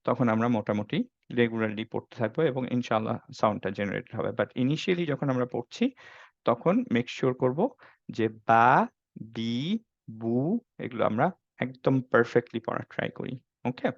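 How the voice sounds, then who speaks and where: In an online tajweed class held in Bengali mixed with English, a man patiently demonstrates how Quranic letters should sound and keeps asking "okay?" to make sure students follow. His mid-range voice is animated and creaky, at a normal speed. The recording is dry, with the highs cut off.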